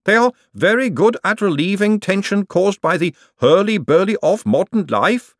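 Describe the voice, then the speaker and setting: A man's voice: sits high, lively intonation, moderate pace, no echo, clean studio sound, pitched above the performer's own voice. A man doing a stiff, earnest female golem clerk. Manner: formal, stiff, precise.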